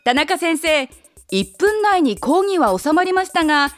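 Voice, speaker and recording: A woman's voice: very high-pitched, sing-song, measured pace, fairly bright tone, no room sound, faint music behind. A woman hosting the program, reading scripted introductions in a polished manner. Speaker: program host. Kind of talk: scripted announcing.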